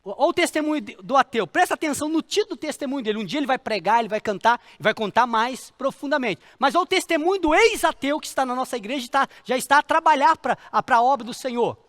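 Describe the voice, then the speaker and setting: A middle-aged man, preaching a sermon as a pastor and telling a story with lively repetition. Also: very high-pitched, fast talker, few pauses, in a large hall. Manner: animated storytelling, repeating phrases for emphasis.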